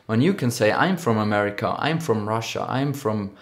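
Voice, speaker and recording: A man's voice: on the low side, expressive. Easygoing man co-host. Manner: easygoing, agreeable, slightly halting English. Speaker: podcast co-host. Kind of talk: casual chat.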